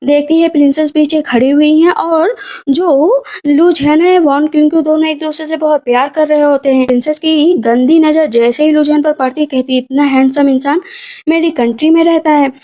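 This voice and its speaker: Woman film-recap narrator, high voice, soft dark tone, colloquial storytelling. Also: steady tone, moderate pace.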